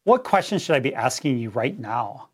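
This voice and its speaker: A man's voice: medium pitch, sing-song, normal speed, breathy edge. A man putting on a valley girl manner, as a slangy, easily disgusted 1980s teen in an improvised comic chat. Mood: exasperated. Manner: valley girl talk full of "like" and "totally".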